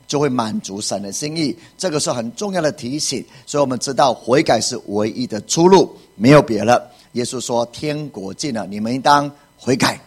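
A man's voice: mid-range voice, animated, normal speed, few pauses, breathy edge. A man preaching a sermon as pastor, emphatic, with repeated phrases and rhetorical questions.

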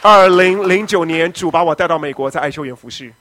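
A middle-aged man, a pastor giving a testimony sermon, telling his story dramatically and moving between loud shouting and quiet, low speech. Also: fairly quick, no echo, a faint crowd.

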